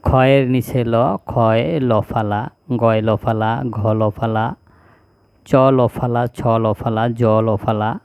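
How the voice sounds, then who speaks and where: A male teacher reads out a spelling lesson at an unhurried pace, one item after another. His voice is smooth and clear and stays level in pitch. The sound is dry and close, with no room echo. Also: flat delivery, a little mellow. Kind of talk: slow recited spelling lesson.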